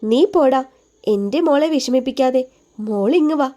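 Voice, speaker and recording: A woman's voice: sits high, moderate pace, dark tone, close to an everyday voice. A woman voicing a caring older woman doctor who fusses over a younger woman like a mother, in an affectionate, coaxing way. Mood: fond, coaxing.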